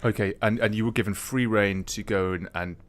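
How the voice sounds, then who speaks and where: A man hosting a studio podcast, with a low, deep voice. He asks long, rambling questions. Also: steady tone, a little fast. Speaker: podcast host. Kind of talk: podcast interview.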